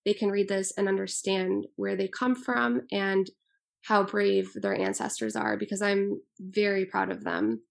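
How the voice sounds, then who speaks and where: A woman's voice: medium pitch, steady tone, unhurried, creaky. A woman in her twenties, born in Albania, speaking as an author in an earnest, thoughtful interview. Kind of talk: interview answers.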